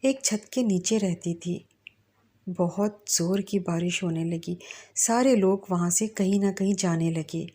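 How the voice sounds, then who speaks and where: A woman's voice: lowish voice, mellow, slightly rough. A young adult woman narrating an emotional first-person story.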